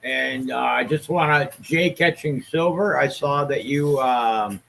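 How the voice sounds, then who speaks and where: A man with a bright, forward voice at a middle pitch talks casually on a livestream. He sounds like a co-host speaking informally to viewers. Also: a little slow, vocal fry, a little hiss or hum. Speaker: livestream co-host showing collectibles.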